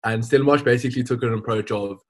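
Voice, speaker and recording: Twenties guy, student guest, earnest, a touch raspy. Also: mid-range voice, quick pace. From South Africa. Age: 20s. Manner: earnest, explanatory. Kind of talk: podcast interview.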